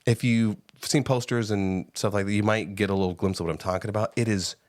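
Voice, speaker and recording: Low-voiced man chatting about movies. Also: a little fast, no room sound, studio quality. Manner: animated, swearing, laughing often. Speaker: podcast co-host. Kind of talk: casual movie review chat. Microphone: close studio mic.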